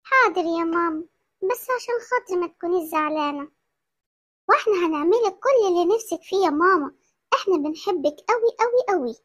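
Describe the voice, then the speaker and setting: A woman voicing a sad, loving little Egyptian-accented girl who speaks softly and tearfully. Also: very high-pitched, animated, quick pace, no room sound. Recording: dry close voice over music.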